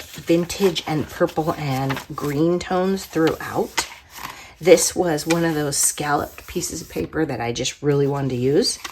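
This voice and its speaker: A woman's voice: deep voice, background noise. A woman hosting a crafting channel, chatting casually as she shows her work, her voice worn from being under the weather. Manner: chatty, rambling, soft-spoken at times. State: sick, voice worn from a cold. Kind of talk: casual crafting show-and-tell.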